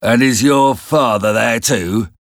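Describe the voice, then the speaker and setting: A man's voice: mid-range voice, takes it slowly, dry recording, voice pushed up. Menacing convict, harsh barked orders, read by a male narrator; dry sound.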